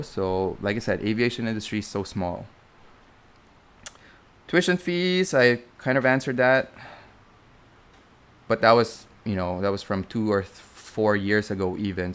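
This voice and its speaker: A young man from the Philippines, a flight instructor, fields a live Q&A stream in a Filipino accent, rambling and correcting himself with plenty of fillers. His voice is fairly low, a bit bright, clear and resonant.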